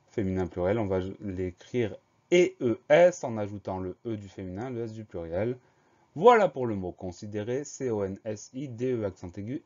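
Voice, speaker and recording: A man teaching a spelling lesson, slowly and deliberately spelling words letter by letter for dictation. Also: lowish voice, a little mellow. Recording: dull lo-fi recording.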